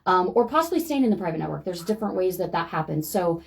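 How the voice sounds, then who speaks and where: A woman's voice: fairly low pitch, very animated, fast talker, gravelly, husky. A woman with an American accent co-hosting a show, speaking casually to viewers as a real estate agent. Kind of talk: casual market update to camera.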